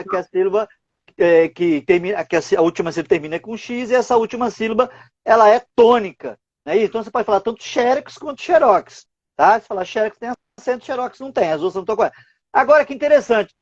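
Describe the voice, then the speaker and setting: A man's voice: high-pitched, dry recording, muffled recording. A man, a writer and teacher, explaining word origins as a guest on a live stream, posing rhetorical questions as he goes. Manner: didactic, asks rhetorical questions.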